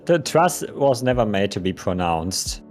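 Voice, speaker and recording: A man's voice: fairly low pitch, big pitch swings, measured pace, a little mellow, soft background music. A man in casual livestream chat, playful and cutesy, with affectionate exclamations. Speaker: guest co-streamer.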